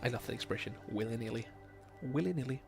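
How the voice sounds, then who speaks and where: Talking fast in a gravelly, mid-range voice over background music, a Danish man in his late twenties chats with viewers on a late-night game stream. He reads their questions aloud with a Danish accent, hesitating and using lots of fillers while looking for English words.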